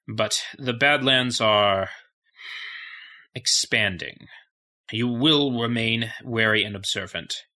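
A man's voice: on the low side, pushed and bright, full character voice. A man voicing a stern, wary hobgoblin soldier who gives formal, commanding warnings in a tabletop game.

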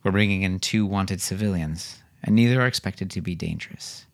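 A man's voice: sits low, fairly quick, vocal fry. A man reading an audiobook, voicing a patient, weary soldier father who jokes with his family.

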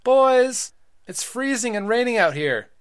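Fretful storybook mom calling kids in from the rain, scolding and higher-pitched, played by a man. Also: lively intonation, moderate pace, fairly bright tone, lightly acted. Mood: pleading. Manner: insistent, scolding.

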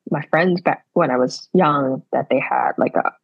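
Husky-voiced woman from Hong Kong. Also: a bass voice, muffled recording. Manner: thoughtful, with frequent "um" pauses. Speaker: percussionist guest. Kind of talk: casual podcast interview.

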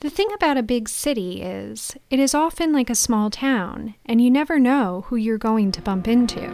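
A woman's voice: a little high, animated, moderate pace, darkish tone, a little hiss or hum. A woman podcast host giving scripted film commentary in a playful, theatrical storytelling manner.

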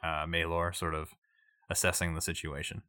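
A man running a tabletop game, his voice very low yet bright and sharp in tone. He narrates haltingly, full of fillers, recorded dry and close. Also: completely flat delivery, no echo. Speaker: game master.

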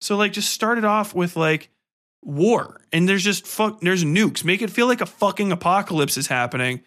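Speaking at normal speed in a high, fairly bright voice with lively intonation, this podcaster reviews a film on his own. He rants casually, swearing heavily and leaning on slang and exasperated sarcasm.

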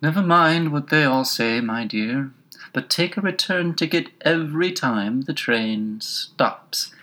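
A narrator voicing a fatherly, patronising gentleman who gives slow, confiding advice. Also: mid-range voice, lively intonation.

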